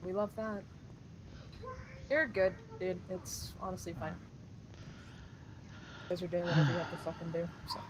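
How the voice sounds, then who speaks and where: A woman's voice: fairly low pitch, unhurried, long pauses, noisy background. Casual, slangy woman in role-play. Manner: slangy, informal. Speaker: defendant in an online role-play game.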